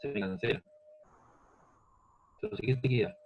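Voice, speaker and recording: A man's voice: mid-range voice, measured pace, dull audio, a little hiss or hum. A man teaching a physics lesson step by step, patient, repeating each step and checking that the student follows. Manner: patient, repeats steps, asks "¿ves?" and "¿cierto?".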